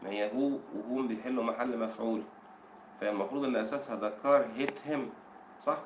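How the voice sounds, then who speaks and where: A man with an Egyptian Arabic accent teaching English for an exam, explaining in Arabic between slow English quotes and asking the class questions. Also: mid-range voice, steady tone, reverberant, slight background noise. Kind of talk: exam-prep lesson.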